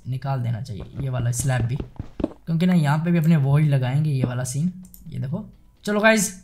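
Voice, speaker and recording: A young man giving chatty, excitable commentary while playing a game, talking straight to his viewers. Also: a little high, a little hiss or hum. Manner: chatty, excitable, addresses viewers as guys and bhai sahab. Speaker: gaming YouTuber. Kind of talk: casual Minecraft let's play commentary.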